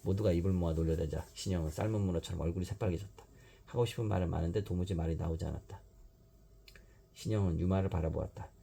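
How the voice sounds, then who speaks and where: Low gravelly dad voice reading a bedtime storybook, quick and husky. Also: male voice. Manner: steady read-aloud narration. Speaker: father reading to his child.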